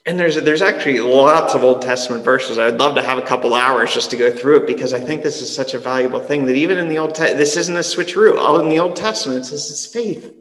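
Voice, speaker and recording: A man preaching a sermon with a gravelly, fry-edged voice at an ordinary pitch. He talks in an earnest, conversational way and often drops to soft, slow emphasis. Long reverb from the church hall trails behind him. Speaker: pastor.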